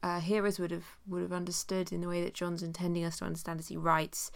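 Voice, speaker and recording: A woman with a cold speaks fast in a monotone, creaky, lowish voice that sounds noticeably nasal as she teaches an informal Bible study. She uses many fillers and reads long passages aloud, recorded dry and close without room sound.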